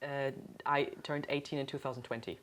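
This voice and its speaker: A young woman in her twenties co-hosts a casual podcast, and her voice sits low. She tells stories in a loose, rambling way. She often backtracks and pads her talk with fillers. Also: fairly even intonation, a little fast, a bit bright, a little hiss or hum. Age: 20s. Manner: rambling storyteller, many fillers and restarts. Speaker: podcast co-host. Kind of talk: casual chat.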